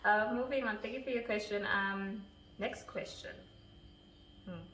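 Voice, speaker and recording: A woman's voice: medium pitch, steady tone, a little slow, a bit bright. A woman in her twenties chatting casually as a vlogger, answering viewer questions, giggling and stumbling over names. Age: 20s. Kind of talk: casual Q&A chat. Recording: echoey room with faint noise.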